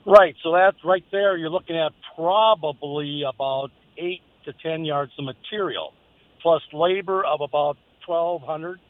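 A man's voice: fairly high pitch, a little slow, dry recording. A man calling in to a radio show on speakerphone while driving, giving matter-of-fact upholstery advice. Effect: phone call on speakerphone from a car. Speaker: caller, upholsterer. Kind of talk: casual call-in advice. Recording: tinny phone line.

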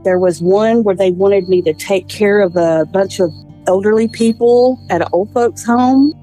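A woman speaking in a casual interview, weary and halting. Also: mid-range voice, dark tone, faint music behind. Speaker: mother of the accused family.

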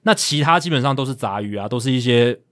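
Brisk Taiwanese man hosting, walks through numbers in casual chat. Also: mid-range voice, lively intonation, fairly bright tone. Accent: Taiwanese Mandarin. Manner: reads out stats, explains, with asides. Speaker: podcast host.

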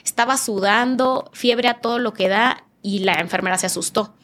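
A woman's voice: on the high side, normal speed, fairly bright tone. A woman with a northern Mexican accent, a podcast guest telling an emotional personal story and acting out the voices of people in it. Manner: vivid storytelling, acting out quoted dialogue in changed voices.

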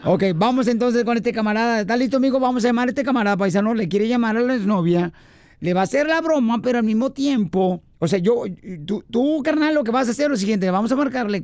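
A man's voice: sits high, darkish tone, dry recording. A man hosting a radio show, teasing his co-hosts and setting up a prank call in slangy banter.

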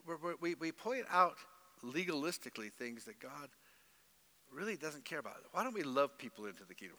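Emphatic preacher in a church hall. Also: male voice, mid-range voice, bright, forceful tone. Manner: emphatic preaching with mimicked voices. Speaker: pastor. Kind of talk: sermon.

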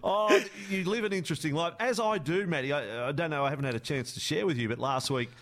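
An Australian man hosting a radio show, chatting casually and telling stories in an animated way. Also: on the high side, quick pace. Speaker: radio host.

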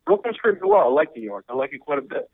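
A man from Chicago comes through a thin, phone-like line, the sound dry and close with no room around it. He talks quickly in a relaxed way, often repeating words as he hunts for the next phrase. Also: medium pitch, gravelly, no echo. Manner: halting, repeats words while searching for them. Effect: heard over a phone line. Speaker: caller. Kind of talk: casual phone call into a podcast.

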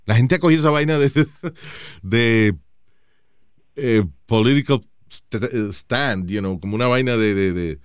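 A man hosting a podcast in a casual, animated way, swearing freely and switching between Spanish and English. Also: lowish voice, clear, resonant tone, dry recording, studio quality. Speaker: podcast host. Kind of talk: casual chat.

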